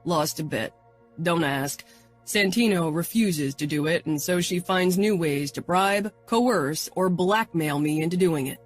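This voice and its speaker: Woman doing a cocky teen boy, drawling and crude, a bit lower. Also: a little slow, soft background music. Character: cocky fourteen-year-old boy, crude and mouthy.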